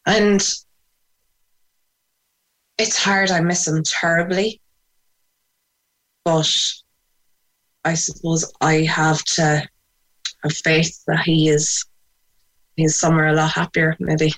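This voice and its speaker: A woman's voice: low-pitched, flat delivery, takes it slowly, long pauses, a bit bright, rough recording. Irish woman, west of ireland accent, talking about her life in an interview, thoughtful, bit hesitant. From Sligo, west of Ireland. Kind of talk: personal interview, recounting memories.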